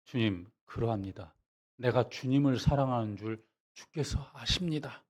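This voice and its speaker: A middle-aged male pastor delivers a revival sermon in a lively storytelling way. He keeps turning to the congregation with questions. He drops into a soft, low voice whenever he acts out a dialogue. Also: moderate pace. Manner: animated storytelling, acting out dialogue in a hushed low voice.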